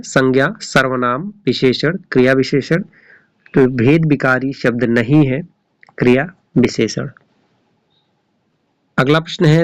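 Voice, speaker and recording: A man's voice: mid-range voice, no room sound. Man reading exam questions aloud, dry. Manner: reads each option aloud, then repeats the answer. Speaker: Hindi exam tutor. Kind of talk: reading quiz questions and answers.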